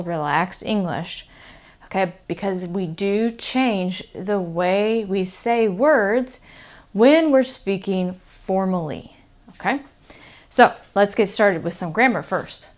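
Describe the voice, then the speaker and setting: A woman with a standard American accent teaching English pronunciation in a conversational, explanatory way, often checking in with the listener. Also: medium pitch. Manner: explanatory, often checks understanding with "okay?" and "right?". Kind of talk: conversational video lesson.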